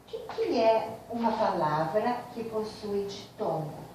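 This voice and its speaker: A woman teacher, giving a slow, explanatory grammar lesson and speaking directly to her students. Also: mid-range voice, a little mellow, far from the mic, slight background noise. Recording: very echoey room, voice from off mic.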